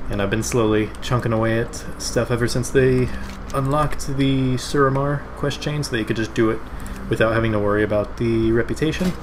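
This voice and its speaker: A man livestreaming a game in casual, rambling and halting chat. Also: medium pitch, fairly even intonation. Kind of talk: casual stream chat over gameplay. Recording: game music, fan noise behind. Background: game music and a fan.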